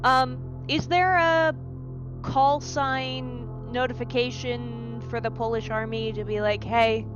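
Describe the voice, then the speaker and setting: A woman's voice: a little high, fairly even intonation, slow, muffled recording, music in the background. A woman playing a tabletop game, decisive, laying out her character's plans step by step. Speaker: player. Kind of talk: tabletop role-play chat.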